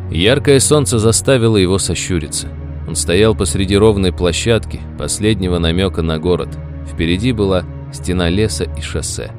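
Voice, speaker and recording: Low-voiced male audiobook narrator. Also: normal speed, music in the background. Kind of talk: scripted narration.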